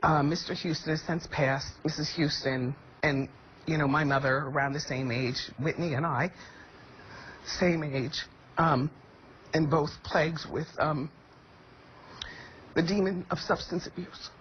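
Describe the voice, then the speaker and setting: A woman talk show host giving an earnest, measured personal testimony. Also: deep voice, fairly even intonation. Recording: dull muffled audio with faint noise.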